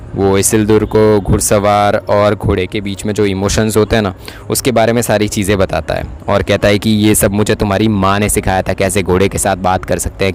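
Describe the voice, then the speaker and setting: A man narrating a casual, chatty recap of a TV episode, often tacking on quick tag questions. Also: fairly low pitch. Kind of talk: casual Hindi plot recap.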